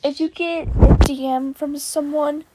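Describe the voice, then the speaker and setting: A woman casually reacting to fan art, excitable and giggly, gasping and exclaiming often. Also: high-pitched, unhurried, background noise.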